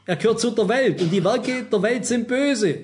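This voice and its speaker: Older male preacher, fairly high voice, earnest and cautionary, hammers points home by repeating them. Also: normal speed, a little mellow. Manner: earnest, warning, repeats phrases for emphasis. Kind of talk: sermon.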